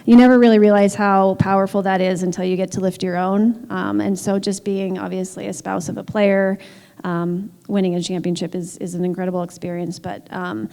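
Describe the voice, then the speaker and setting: A woman's voice: mid-range voice, flat delivery, a little fast, creaky, mellow, smooth. A woman team executive speaking candidly and emphatically on a panel, with frequent filler words. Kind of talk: panel discussion. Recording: long hall reverb.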